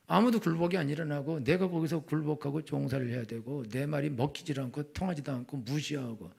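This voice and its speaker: Gravelly, husky male pastor preaching. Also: on the high side, darkish tone. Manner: colloquial storytelling sermon, acting out quoted voices. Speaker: senior pastor. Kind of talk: sermon.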